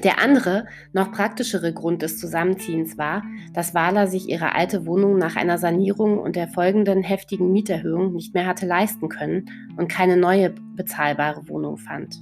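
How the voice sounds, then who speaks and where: A woman narrating a first-person novel in a calm, measured reading voice. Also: fairly low pitch, creaky. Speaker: audiobook narrator. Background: faint guitar music.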